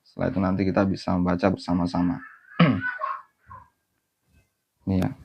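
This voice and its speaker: A man teaching Quran reading melodies, speaking slowly and adding "ya" after his phrases, and singing short phrases as examples. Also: deep voice, level tone, gravelly, background noise. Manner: slow, repeats "ya" after phrases, sings melodic phrases to demonstrate. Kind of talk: online recitation lesson.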